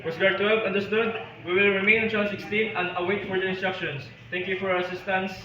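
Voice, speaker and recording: A ship captain keeps to strict marine radio procedure, repeating call signs and ending each call with "over", as a man acts him out. His voice sits fairly high for a man and sounds dull and far from the mic. It echoes around a room, with a crowd murmuring behind. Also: little pitch movement, fast, lightly acted. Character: male ship captain making formal marine radio calls. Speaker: ship captain in a role-play. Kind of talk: amateur maritime emergency role-play.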